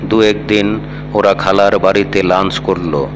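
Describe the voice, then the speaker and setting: A man narrating a first-person story in a measured, unhurried reading voice. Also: low voice, over music. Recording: steady hum and vehicle noise behind.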